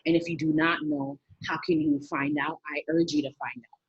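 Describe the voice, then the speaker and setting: A woman's voice: deep voice, steady tone, normal speed, slightly rough, dry recording, dull audio. A young woman from Miami, a guest speaker giving an earnest webinar talk with many fillers. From Miami, USA.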